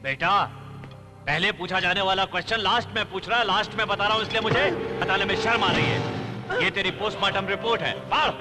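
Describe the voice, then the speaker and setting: A man's voice: high-pitched, a little fast, lightly acted. A man dubbing a swaggering action hero. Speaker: hero in a dubbed action film. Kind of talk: dramatic film dubbing. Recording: film soundtrack with music and long reverb.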